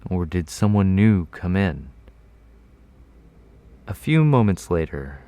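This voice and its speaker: A man reading a first-person horror story in a measured, low-key way. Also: sing-song, mellow. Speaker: narrator. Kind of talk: scripted horror story narration.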